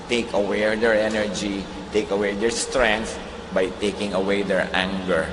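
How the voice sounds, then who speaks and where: A man with a Filipino accent preaching a sermon in a lively way, going from soft lines to loud emphatic ones and acting out quoted speech. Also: lowish voice, unhurried, noisy background. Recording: roomy echo with long reverb, faint ambience.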